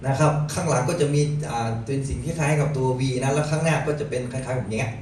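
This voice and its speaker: A man's voice: mid-range voice, fast talker, a little mellow. A man interpreting a sermon phrase by phrase for a congregation, addressing them politely and often. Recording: very echoey hall, distant, noisy.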